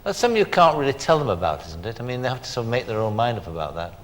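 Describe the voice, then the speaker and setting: Chatty older talk show host. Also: male voice, mid-range voice, sing-song, rapid-fire, a little hiss or hum. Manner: chatty, leading questions. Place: television studio.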